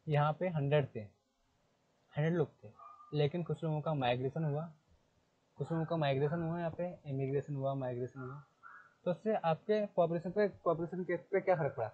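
A man's voice: fairly high pitch, husky. A male teacher explaining a lesson, repeating key terms and asking his students questions before answering them himself. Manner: reads English text slowly before explaining. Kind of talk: classroom lecture in Hindi mixed with English. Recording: phone-like lo-fi sound.

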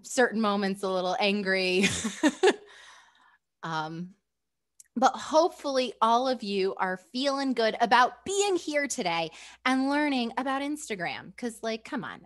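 A woman's voice: fairly high pitch, fairly bright tone. Chatty upbeat woman hosting a video call. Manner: chatty, upbeat, laughs often, many fillers. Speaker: webinar host for school staff. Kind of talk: casual presenting on a video call.

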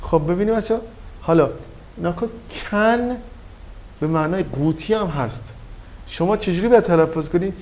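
High-voiced man teaching an English lesson. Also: lively intonation, pauses often, a little mellow. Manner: explains English phrases in Persian, quizzing the class. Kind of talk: classroom language lesson.

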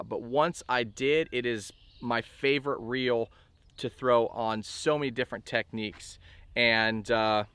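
A man in his thirties giving a relaxed, chatty fishing gear review to camera outdoors by a lake, with a lot of fillers. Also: medium pitch, clean tone, dry recording. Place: outdoors on a bass boat by a lake.

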